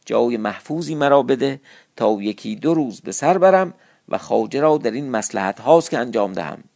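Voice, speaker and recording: A man voicing a bold, resourceful male trickster hero in a classical storybook tale, with a gravelly voice. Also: mid-range voice, lively intonation, darkish tone. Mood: resolute.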